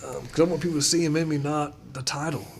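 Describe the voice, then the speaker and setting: A man who is a pastor, telling stories in a casual chat and getting animated when he retells dialogue. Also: a little high, fast talker, gravelly, slight background noise. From United States. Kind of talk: casual conversation, storytelling.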